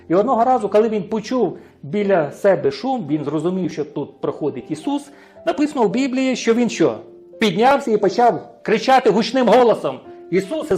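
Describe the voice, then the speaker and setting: Guy preaching a sermon, kinda high voice, keeps asking the crowd questions and going "right?", faint music under it. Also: a little mellow. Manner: frequent rhetorical questions to the congregation; tags sentences with a questioning "right?".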